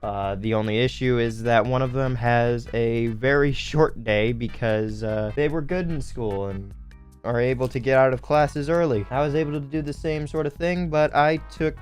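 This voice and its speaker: A young man with a sniffly nose builds Lego for a hobby video, rambling and thinking aloud in casual commentary. He speaks in a mid-range voice at a moderate pace, with soft music in the background.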